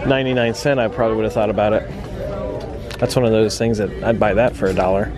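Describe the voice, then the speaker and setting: A man's voice: fairly low pitch, steady tone, fast, a crowd in the background, background noise. A man vlogging while walking through a merchandise store, chatting casually and rattling off one price after another. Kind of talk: casual shopping chat. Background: store music.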